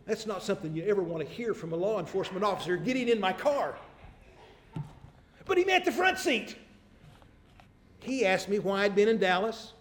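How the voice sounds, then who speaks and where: A man preaching a sermon, telling stories in an earnest way and shifting his emphasis. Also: sits high. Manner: storytelling, earnest, varies emphasis.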